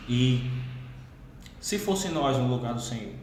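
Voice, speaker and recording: A man's voice: medium pitch, steady tone, moderate pace. A man who exhorts a Bible study group in a repetitive, insistent way and keeps addressing them as brothers. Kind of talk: preaching-style exhortation. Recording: very echoey room, faint background hum.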